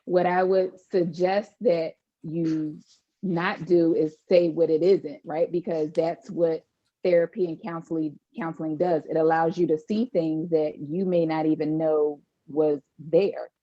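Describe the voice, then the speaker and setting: A woman therapist giving advice in a podcast conversation, talking in a measured, explanatory way. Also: sits low, fairly even intonation. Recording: dull lo-fi sound.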